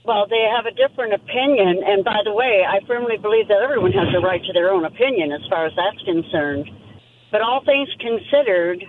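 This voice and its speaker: A woman's voice: mid-range voice, expressive, a little fast. A middle-aged woman calling into a radio show on her phone while driving, speaking firmly and plainly. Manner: firm, opinionated, plainspoken. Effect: phone call from a car while driving. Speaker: caller. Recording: tinny phone line with faint road noise.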